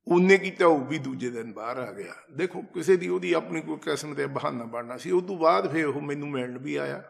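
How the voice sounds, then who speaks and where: A man with a rather high, creaky voice and lively intonation speaks fairly quickly as he shares a personal devotional story. His tone is casual and conversational, like spoken testimony, as he retells conversations and turns to his listeners with asides.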